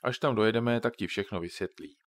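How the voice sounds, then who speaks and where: Casual: man playing a jokey dad explaining stuff, fairly low voice, dry sound. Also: no room sound, natural voice. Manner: teasing, patiently explaining. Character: joking, explaining father.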